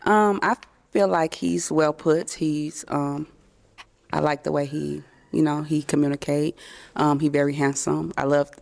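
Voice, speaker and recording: A woman contestant on a dating show, talking hesitantly with many pauses. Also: low voice, steady tone, creaky, a little mellow. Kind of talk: casual chat.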